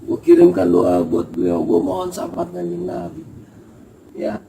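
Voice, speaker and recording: A man's voice: high voice, very animated, unhurried, gravelly, warm tone. A man telling a hiking story in a casual, emotional and earnest way. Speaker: storyteller recounting a hiking experience. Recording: noisy background ambience.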